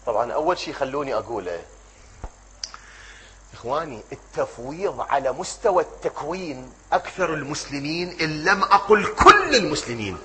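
A man with an Iraqi Arabic accent giving a religious lecture. He keeps asking rhetorical questions, answers them himself and builds up to emphatic shouts. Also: a little high, poor audio. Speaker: preacher.

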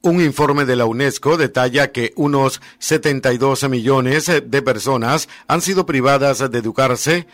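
A man reporting a news story in a formal, measured way. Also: medium pitch, no echo. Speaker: news correspondent.

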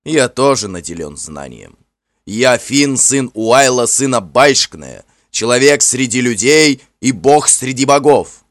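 A proud heroic chieftain, played by a man in a storybook, declaiming loudly with a lifted, lively voice. The voice is dry and close, with soft music behind it. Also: medium pitch, takes it slowly, no echo, pitched above the performer's own voice. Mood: vowing. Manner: forceful, declaiming. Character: bold mortal chieftain hero, proud.

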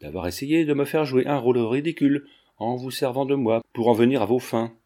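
A man reading the lines of a stern young gentleman who curtly accuses a lady. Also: medium pitch, brisk, close to an everyday voice. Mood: accusing. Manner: curt and accusing.

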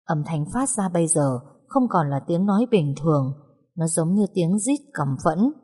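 Lower-voiced woman narrating a horror story. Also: lively intonation, moderate pace, dark tone, slightly rough, in a large hall. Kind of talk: dramatic audiobook narration.

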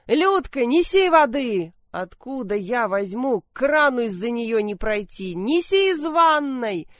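A woman's voice: on the high side, expressive, unhurried, dry recording, studio quality, pitched above the performer's own voice. Woman doing a fussing, flustered old mother. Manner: fussy, flustered. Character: fussing anxious older mother, doting on one daughter.

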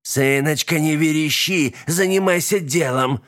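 A man voicing a scheming, boastful middle-aged witch who bosses her son, with a shrill, commanding manner. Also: measured pace, a bit bright. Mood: bossy.

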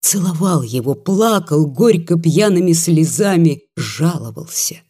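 An audiobook reader narrating a literary story in a slow, measured, subdued way. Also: mid-range voice, expressive, dark tone, breathy edge.

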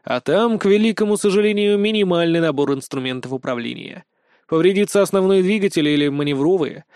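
A man's voice: sits high, animated, brisk, a little mellow, clear, resonant tone, dry recording, studio quality. Man narrating an audiobook. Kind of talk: first-person audiobook narration.

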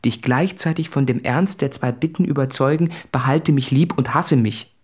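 For a radio drama, a male actor with a mid-range, slightly rough voice plays an anguished suitor tormenting himself. The literary monologue is earnest, deliberate and confessional, acted only lightly.

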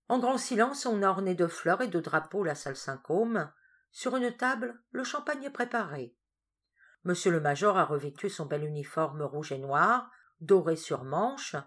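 A woman narrating an audiobook in a lively, expressive reading. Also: on the low side. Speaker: audiobook reader.

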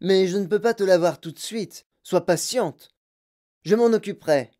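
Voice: medium pitch, normal speed, dark tone, natural voice. A reader doing an indulgent, placating father. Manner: placating, soothing.

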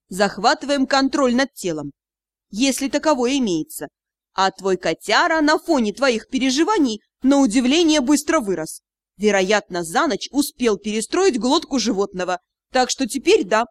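Хитрая призрачная дама, дух смерти, её читает женщина. Говорит вкрадчиво и спокойно, голос высоковатый. Сухая запись без отзвука. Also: female voice, on the high side, no echo, lightly acted. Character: sly ghostly female spirit of death, cunning.

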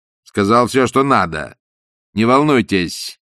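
A man's voice: medium pitch, expressive, takes it slowly, a bit bright, dry recording, studio quality. Ostap, a man doing a brash, confident swindler. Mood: assured. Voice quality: commanding, theatrical. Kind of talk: audiobook character voice.

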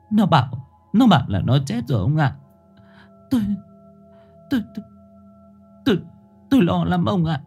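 A man's voice: on the high side, a little mellow, slightly rough, voice pushed up. A man doing a fretful village mother. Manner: fussing, urgent, pleading. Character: worried middle-aged village mother, scolding yet tender.

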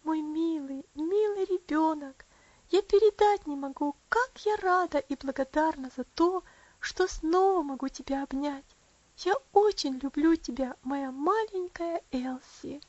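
A gentle young woman speaks with soothing tenderness, voiced by a woman reading the story. Her tone is high and affectionate. The recording is dull and dry. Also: measured pace, dry recording. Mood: tender. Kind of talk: audiobook character voice.

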